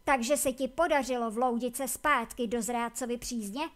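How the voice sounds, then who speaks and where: A woman voicing a proud, vengeful female warden who is imprisoned and bitter, with sharp, scornful retorts. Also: on the high side, close to an everyday voice.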